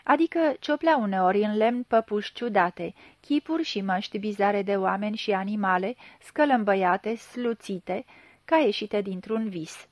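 A woman narrating a literary audiobook in a measured, expressive storytelling manner. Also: mid-range voice, dry recording.

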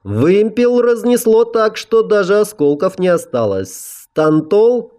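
A man's voice: high-pitched, very animated, unhurried, warm tone, voice pushed up. A man voicing an emperor who speaks amiably while hiding menace, in a raised voice. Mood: silky menace. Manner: friendly on the surface, menacing.

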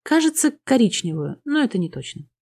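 Woman, audiobook narrator, fantasy story, playful, expressive. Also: fairly high pitch, fairly quick, slightly rough.

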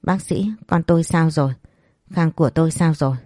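A woman's voice: a little fast, warm tone, no echo, studio quality. A woman voicing a furious, hysterical rich middle-aged mother who scolds and curses. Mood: anxious. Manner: shrill scolding, cursing.

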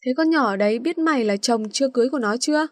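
A woman's voice: high voice, quick pace, dry recording, natural voice. A woman voicing a brash, quarrelsome young man in a storybook reading, with a mocking manner. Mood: teasing.

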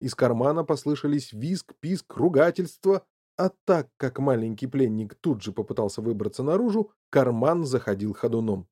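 An audiobook narrator with a mellow, dark tone reading a children's story. The delivery is animated, with lively pitch swings and a measured pace through the narration. Every voice in the tale comes from this one reader. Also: slightly rough.

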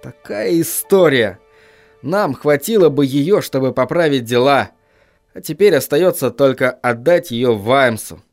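A man playing an earnest young newspaperman in an audiobook. He sinks to a lower, quieter, weary tone. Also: expressive, unhurried, faint music behind. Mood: resigned.

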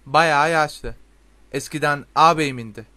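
A man's voice: on the high side, measured pace, bright, forceful tone. A man reading a storybook voices a flustered teenage boy who exclaims and gets defensive.

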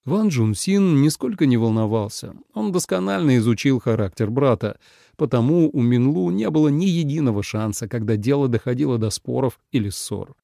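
A man narrating an audiobook in an expressive storytelling manner. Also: medium pitch, normal speed, gravelly, no room sound, studio quality. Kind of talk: scripted narration.

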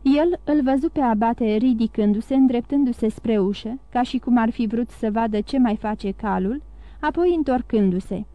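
A woman reading a classic novel aloud as an audiobook narrator, in a steady, measured way. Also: on the high side, no echo, dull audio. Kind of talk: scripted narration.

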